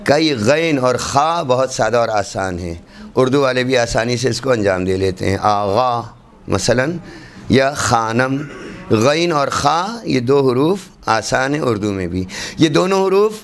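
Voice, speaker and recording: A man giving a classroom lesson on Quran recitation, demonstrating letter sounds slowly and repeating them for students. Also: mid-range voice, lively intonation.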